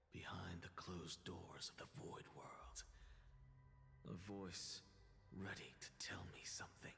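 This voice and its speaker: An actor playing an aloof young male scholar in a video game, speaking in a soft, hushed way. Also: low voice, creaky, exaggerated voice. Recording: game audio over background music.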